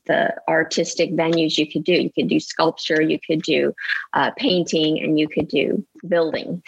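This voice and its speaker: A woman's voice: fairly low pitch, vocal fry, husky, dry recording, highs cut off. A woman who grew up in Italy to American parents, a guest artist talking thoughtfully in an interview and often restarting her sentences. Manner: thoughtful, halting, many restarts. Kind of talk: interview conversation.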